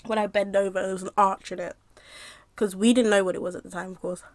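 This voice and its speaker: A young woman in a casual mukbang storytime, rambling with lots of fillers and pausing to eat as she talks. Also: medium pitch, steady tone, no room sound. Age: young adult. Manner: chatty, rambling with many fillers, pauses to eat. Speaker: mukbang vlogger. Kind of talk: casual storytime while eating.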